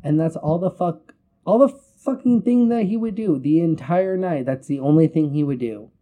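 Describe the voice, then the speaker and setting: A man's voice: a little high, moderate pace, phone-quality sound. A man hosting a casual podcast, telling a heated, profane workplace story and acting out the quotes. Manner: recounts quotes with emphasis. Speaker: podcast host.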